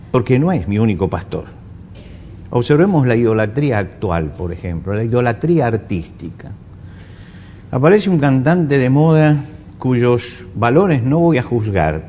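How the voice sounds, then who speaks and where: A man's voice: lowish voice, mellow, a little hiss or hum. A man with an Argentine accent preaching a sermon, asking rhetorical questions and repeating phrases for emphasis. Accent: Argentine Spanish. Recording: echoey hall with faint ambience.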